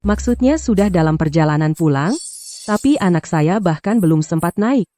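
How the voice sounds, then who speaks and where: A woman's voice: on the low side, expressive, normal speed, mellow, faint music behind, natural voice. A woman dubbing a desperate mother pleading for help for her sick child. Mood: urgent. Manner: pleading, anxious. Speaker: dub actor. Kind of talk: dubbed drama acting.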